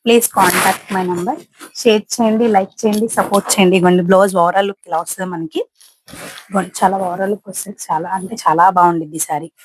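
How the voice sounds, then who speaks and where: A woman's voice: lowish voice, steady tone, fast, a little hiss or hum, low-quality recording. A woman showing off sarees to her viewers in a chatty, repetitive selling patter, recorded on a phone. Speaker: saree seller. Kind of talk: casual product showcase.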